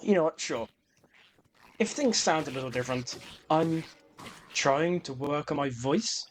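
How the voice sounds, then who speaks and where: A man's voice: on the high side, expressive, a little slow, slight background noise. A man hosting a comedic video essay on games, sarcastic and sweary, mixing scripted commentary with rambling asides.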